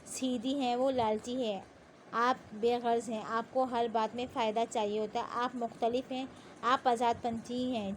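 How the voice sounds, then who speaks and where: A woman reading the part of a gentle, confident young male police officer in an audio novel, speaking softly and persuasively. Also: very high-pitched, slight background noise. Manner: soft-spoken, calm and persuasive.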